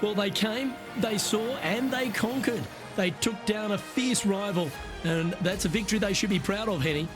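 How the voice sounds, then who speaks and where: Male golf play-by-play caller, measured and polished, higher voice, music bed behind. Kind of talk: scripted video game sports commentary. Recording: commentary over game music.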